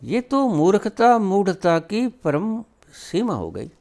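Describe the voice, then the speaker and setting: A man delivers a spiritual discourse slowly, with long pauses between words. His pitch swings widely as he fires off rhetorical questions and scolds emphatically. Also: very animated, vocal fry, a little mellow. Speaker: spiritual teacher.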